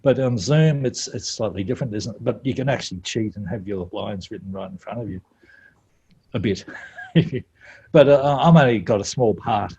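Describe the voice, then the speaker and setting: A man's voice: fairly low pitch, moderate pace, dark tone, breathy edge. A man, a stage actor, chatting casually on a video call, rambling and self-deprecating with frequent laughs.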